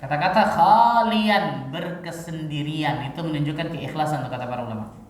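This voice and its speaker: A man preaching a sermon in a lively teaching manner, full of rhetorical questions and casual asides. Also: on the high side, normal speed, slight background noise. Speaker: Islamic preacher. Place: mosque. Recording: echoey hall, mic far off.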